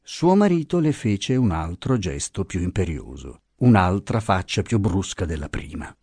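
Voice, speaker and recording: A man reads a classic novel aloud in expressive, theatrical audiobook narration. His fairly low voice rises and falls widely. The recording is close and dry. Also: normal speed, husky, no echo. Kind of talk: scripted literary narration.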